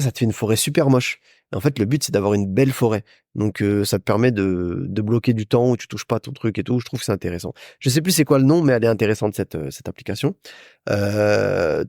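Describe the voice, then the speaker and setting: Speaking at medium pitch with a slightly mellow quality, a young podcast host chats about business advice in a casual way. He addresses the listener directly, repeating himself and restarting often. The recording is dry with clean studio sound.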